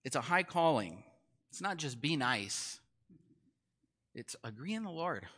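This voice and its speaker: A man's voice: fairly high pitch, big pitch swings, measured pace, fairly bright tone. A man preaching a sermon as pastor in a conversational way, often asking the congregation questions.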